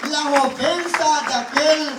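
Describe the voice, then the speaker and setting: A male preacher giving a sermon with Bible reading, dropping in "¿verdad?" and "eh" and drawing out key words slowly. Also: very high voice, steady tone, heavy background noise. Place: church. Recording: very echoey, voice far from the mic.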